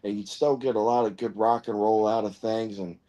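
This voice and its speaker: A man's voice: on the low side, fairly even intonation, fairly quick, warm tone, highs cut off. A man in his fifties hosting a casual live-stream chat, rambling through stories and chuckling often. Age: 50s.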